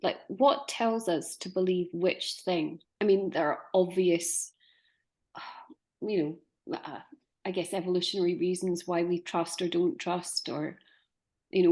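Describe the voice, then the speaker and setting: A woman's voice: fairly low pitch, darkish tone. A woman in her forties hosting a conversation, musing and hesitant as she poses questions. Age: 40s. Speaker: podcast host. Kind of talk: conversational discussion.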